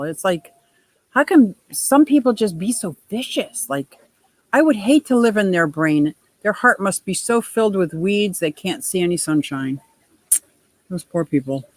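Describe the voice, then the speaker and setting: A deep-voiced woman in her sixties hosts a casual livestream, reading out viewer comments and laughing often in a gushing, playful way. The recording is dry and rough.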